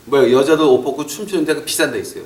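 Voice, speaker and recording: A middle-aged man preaching a sermon as a pastor. He talks in an animated way, acts out relatives scolding him and drops short English phrases into his talk. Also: on the high side, rapid-fire. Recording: roomy echo, mic far off.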